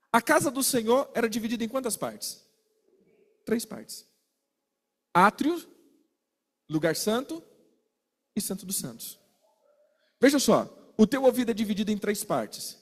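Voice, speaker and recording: A man preaching a sermon, animated, asking his listeners questions and acting out little exchanges. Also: extremely high pitch, measured pace, long pauses, big-room sound. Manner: animated, asks the congregation questions and acts out quarrels.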